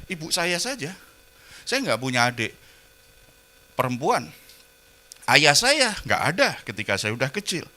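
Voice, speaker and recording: Bright-voiced preaching man with a lilt. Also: fairly high pitch, sing-song, unhurried, pauses often. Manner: folksy storytelling preacher, swings from loud emphatic peaks to soft asides. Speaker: pastor. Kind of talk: sermon.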